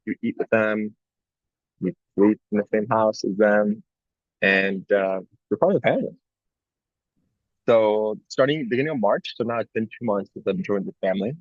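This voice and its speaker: A young man co-hosts a podcast, talking in a casual, rambling, reflective way and using "like" as filler again and again. His voice is on the low side, and the lo-fi sound has no echo.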